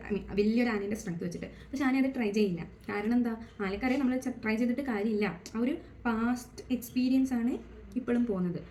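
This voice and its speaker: A woman's voice: mid-range voice, warm tone, a little hiss or hum. A young adult woman hosting a casual talk on psychology, slipping English words into her speech and asking rhetorical questions.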